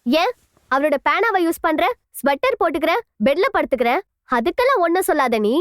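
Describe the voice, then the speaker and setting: A woman's voice: extremely high pitch, very animated, brisk, fairly bright tone, no room sound, studio quality, full character voice. An actress voicing an earnest, determined young girl. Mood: protesting.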